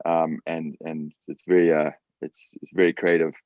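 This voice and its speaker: A man's voice: very deep voice, flat delivery, normal speed, darkish tone, dry recording. A man from Africa, a guest chatting casually in an interview from his garage, hesitant with many fillers and repeated words. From South Africa. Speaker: guest entrepreneur. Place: home garage. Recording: dull lo-fi sound.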